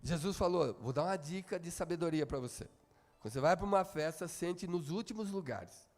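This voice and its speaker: A Brazilian man preaching a sermon in a church, calling on the congregation to repeat after him and swinging between quiet talk and shouting. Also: a little high, expressive, fairly quick, big-room sound. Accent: Brazilian Portuguese. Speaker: pastor. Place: church hall.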